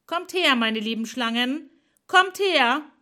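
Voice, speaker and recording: A woman's voice: on the high side, lively intonation, takes it slowly. A woman voicing a jealous, cruel goddess who gives scornful commands to her servants. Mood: imperious.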